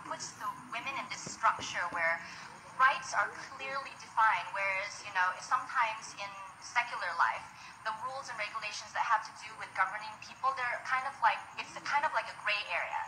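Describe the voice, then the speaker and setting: A woman's voice: medium pitch, a little fast, bright, forceful tone, roomy sound, soft background music, poor audio. An American woman answering interview questions in an upbeat, emphatic way. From United States.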